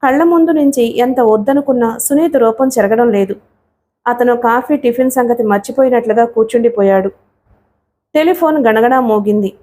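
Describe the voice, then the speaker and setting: A woman narrates an audiobook in a calm, steady storytelling manner. Her voice is fairly high with a mellow, warm tone. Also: normal speed. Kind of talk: scripted narration.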